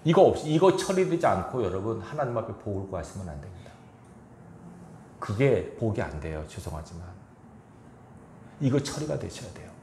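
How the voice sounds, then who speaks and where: With a warm, fairly low voice, a pastor preaches at normal speed, pausing often and swinging widely in pitch. The echoey sanctuary carries slight background noise as he reads scripture and then presses the congregation with rhetorical questions.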